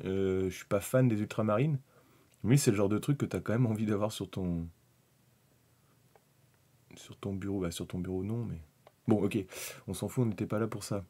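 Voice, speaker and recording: Casual streamer, male, low husky voice, rambling live commentary. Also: normal speed, long pauses, mellow. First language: French. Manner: rambling, thinking aloud, with many fillers and restarts. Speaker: miniatures hobby streamer.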